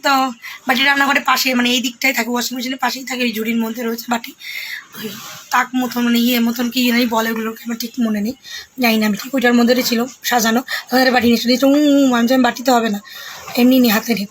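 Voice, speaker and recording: A woman's voice: a little high, little pitch movement, fast, slight background noise. A young woman chatting to her viewers at home, rambling through everyday family stories with lots of fillers. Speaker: family vlogger. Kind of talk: casual chat to viewers.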